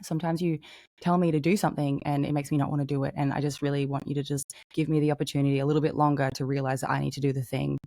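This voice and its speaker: A woman's voice: low voice, level tone, dark tone, no room sound. A woman, co-hosting a casual chat and speaking frankly with casual swearing. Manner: frank, swears casually, talks through stories in quick bursts. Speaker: podcast co-host.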